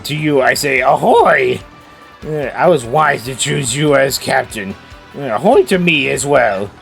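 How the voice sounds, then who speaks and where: A man voicing a pompous, excitable merchant ship owner in a video game, grandiose and theatrical. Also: mid-range voice, measured pace, creaky, faint music behind. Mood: pleased, pompous.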